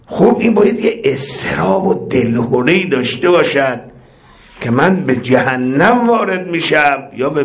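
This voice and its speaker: A male preacher giving a religious sermon. He recites Arabic prayer lines and then explains them, building to impassioned cries on repeated phrases. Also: on the high side.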